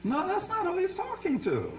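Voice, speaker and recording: A man's voice: very high-pitched, huge pitch swings, normal speed, roomy sound, a little hiss or hum, rough recording. A man preaching a Bible study sermon, often asking his listeners questions and repeating words as he restarts.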